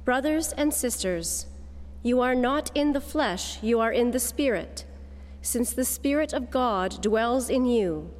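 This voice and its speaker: Female lector, fairly high voice, formal scripture reading, heard in long cathedral-style reverberation. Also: darkish tone. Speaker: lector at Mass. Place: large reverberant church. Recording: long cathedral echo, large reverberant church.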